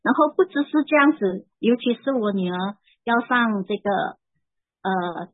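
A woman in her forties tells her faith testimony earnestly and emotionally, often stumbling and repeating words. Her voice sits a little high and has a husky grain. The sound is thin and phone-like, with a dry, close feel. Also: animated, moderate pace, no room sound. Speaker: church member giving testimony.

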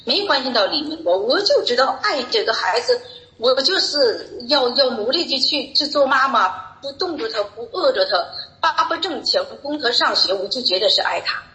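A woman's voice: fairly high pitch, big pitch swings, moderate pace, pushed and bright. A middle-aged woman giving a personal faith testimony, telling her story earnestly and repeating herself. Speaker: church member giving a testimony. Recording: echoey room.

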